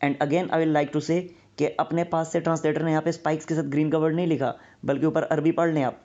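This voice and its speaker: A man with a fairly high, mellow voice walks his listeners through an on-screen demo, repeating key words and slowing right down to recite verses. The recording is dull and lo-fi. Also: level tone. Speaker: lecturer. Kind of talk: screen-share lecture walking through an app.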